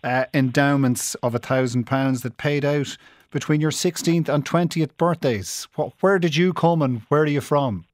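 A man hosting a radio interview, putting his questions in a halting, reworded way. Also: a little high, no echo, clean studio sound. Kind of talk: broadcast interviewing.

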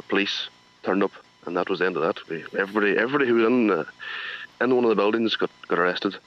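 A man with a Donegal Irish accent answering casually in a radio interview, haltingly and colloquially, repeating words as he goes, over the phone. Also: on the low side. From County Donegal, Ireland. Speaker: farmer and farmers' organisation leader, interviewee. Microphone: phone line. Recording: dull lo-fi phone line.

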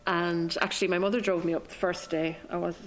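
A woman with an Irish midlands border accent from Cavan, telling personal memories in a thoughtful, halting way. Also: fairly low pitch, flat delivery, slight background noise, rough recording. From County Cavan, Ireland. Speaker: interviewee recalling own life. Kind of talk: reflective personal storytelling.

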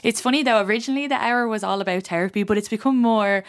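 A woman in her thirties with an Irish accent, a comedian chatting as a radio guest, self-mocking and quick to laugh. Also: a little high. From Ireland. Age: 30s. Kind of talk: casual radio interview chat.

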